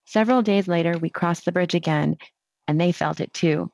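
A woman author reading her own personal essay aloud in a measured, heartfelt way. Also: on the low side, creaky, darkish tone, no room sound.

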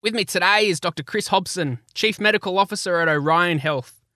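A man's voice: sits high, fairly quick, pushed and bright, dry recording, clean studio sound. A man hosting a podcast in a chatty, informal, chummy way. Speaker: podcast host.

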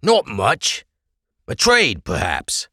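A man's voice: medium pitch, huge pitch swings, slow, bright, forceful tone, no room sound, studio quality, voice pushed up, heavily acted. A man voicing a scheming male merchant neighbor who speaks in odd, stilted phrases. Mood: threatening.

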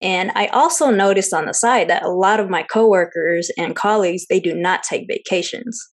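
In a relaxed interview, this young co-host of a travel podcast from Seattle, United States, speaks at a fairly low pitch and moderate pace. Her talk is loaded with fillers and easy laughter.

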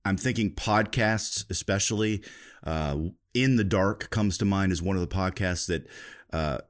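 A male podcast host interviewing a guest in a relaxed, thoughtful way, often restarting his sentences. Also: low voice, a little slow. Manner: thoughtful, with frequent restarts and fillers. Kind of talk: conversational interview.

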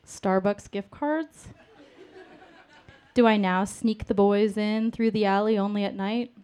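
A woman telling a candid personal story to an audience in a self-mocking, lively way. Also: mid-range voice, unhurried, smooth.

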